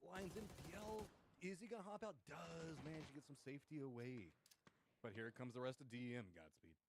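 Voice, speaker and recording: A man's voice: a little high, fairly quick, noisy background. A man giving live esports commentary in loose, conversational phrasing.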